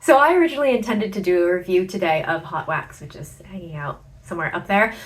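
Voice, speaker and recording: A woman's voice: fairly low pitch, animated, fast. A tired woman chatting casually and wryly to camera as a book vlogger, her voice echoing in the room. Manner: chatty, informal, wry. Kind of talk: casual bookish chat to camera. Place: echoey room at home during packing. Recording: echoey room.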